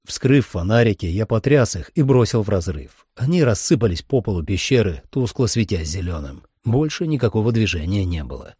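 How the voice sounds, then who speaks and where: Male audiobook narrator, lively first-person action read, dark husky voice, dry close sound. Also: on the low side, brisk, hardly any pauses, no echo. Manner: expressive, dramatic.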